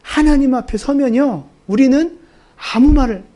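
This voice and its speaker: A man's voice: very high voice, moderate pace, warm tone. A man pastor preaching a sermon, putting questions to the congregation and repeating his points for emphasis.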